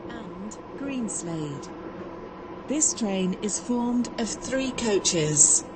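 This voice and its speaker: Casting: woman playing formal railway station announcer for a game, mid-pitched, extremely slow segmented delivery, train noise behind. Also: lively intonation. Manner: segmented, formal listing of stops. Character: automated woman announcer listing train stops. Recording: clear train rumble noise. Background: train vehicle ambience in a simulator game.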